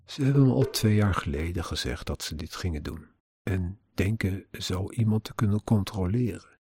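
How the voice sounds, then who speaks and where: A man's voice: sits low, moderate pace, darkish tone, slightly rough, no echo, studio quality. A man earnestly narrating his own experiences in a personal account, with an indignant edge.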